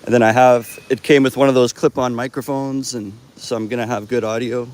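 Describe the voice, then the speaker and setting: A man's voice: medium pitch, fairly even intonation, fairly quick, poor audio. A man talking casually while walking and livestreaming on a phone, rambling with fillers and restarts. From Canada. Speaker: vlogger and host. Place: outdoors on a busy roadside. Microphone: phone held while walking. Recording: phone audio with loud traffic. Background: passing vehicles and street noise.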